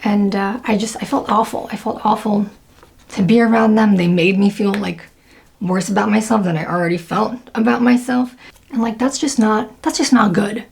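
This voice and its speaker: A woman's voice: medium pitch, steady tone, normal speed, gravelly, darkish tone. A young woman talking casually to camera, chatty and full of fillers. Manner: chatty, lots of fillers and laughs. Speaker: video creator.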